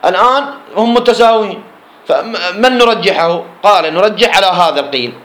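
In an echoey classroom, a brisk male teacher of Islamic jurisprudence lectures on a text in Iraqi Arabic, going line by line. His voice is higher-pitched and a bit bright, and he answers the rhetorical questions he poses.

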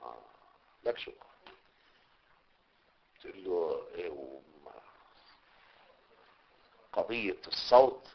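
A man's voice: low-pitched, sing-song, slow pace, vocal fry, pauses often, slight background noise. A man teaching a class on a religious legal text, constantly quizzing his students with fill-in questions and repeating key words. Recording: muffled lo-fi recording.

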